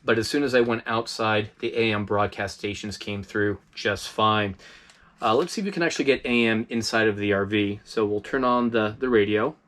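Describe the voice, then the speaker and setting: A man reviews a budget radio for his channel, recording inside an RV. He's relaxed and chatty, using lots of filler words, with a voice on the low side and a moderate pace.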